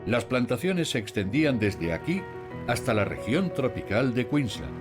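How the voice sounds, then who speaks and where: Male documentary narrator, measured delivery, animated pitch, background music. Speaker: travel documentary host.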